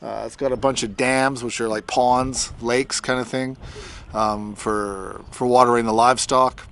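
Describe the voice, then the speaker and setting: Standing in the front yard of his farm, an Australian tattoo artist of fifty chats informally to the camera with a casual update. He speaks a little slowly in a fairly bright, mid-range voice with fairly even intonation. A little hiss or hum sits under the audio.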